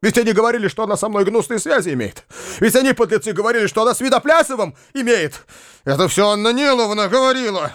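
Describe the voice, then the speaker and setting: A flustered middle-aged country gentleman, kind at heart and anxious, voiced by a male reader. He pours out his words in a breathless, rushed way, his pitch leaping up and down. The recording is close and dry. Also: expressive, dry recording, lightly acted. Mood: desperate.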